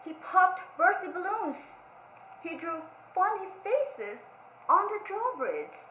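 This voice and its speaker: Lady doing kids storytime, slow emphatic reading, high pitched, talks to the little ones. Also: echoey room, a little hiss or hum, low-quality recording. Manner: expressive, emphatic, simple asides to young listeners. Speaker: children's librarian storytime host. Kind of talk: read-aloud picture-book storytime for young children.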